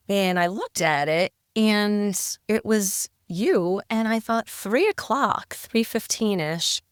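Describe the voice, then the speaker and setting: Middle-aged woman guest, lowish pitch, smooth tone; reflective, hesitant. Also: no room sound, studio quality. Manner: reflective, hesitant with repeated words. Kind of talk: interview storytelling.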